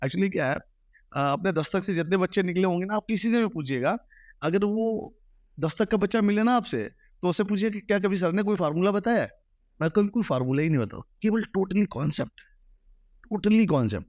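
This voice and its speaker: A man's voice: high voice, expressive, a little fast, darkish tone, no echo, muffled recording. A man who teaches maths, giving earnest advice to exam students in an interview. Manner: earnest, advising students directly. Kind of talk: interview answers.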